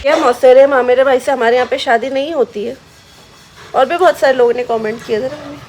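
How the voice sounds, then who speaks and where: Fast, high-voiced young woman vlogger. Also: steady tone, darkish tone, a little hiss or hum. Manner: chatty, quick to jump in. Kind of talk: casual family chat. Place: home.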